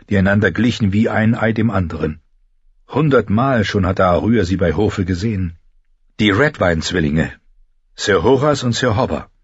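A man narrating a fantasy story in an audiobook with measured, even delivery. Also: deep voice, slightly rough, no room sound, muffled recording.

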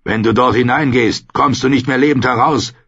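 A man reading an audiobook voices a brutal, scornful warrior who barks and shouts his commands. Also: mid-range voice, normal speed, breathy edge, no room sound, highs cut off, voice pushed up. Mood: harsh barking.

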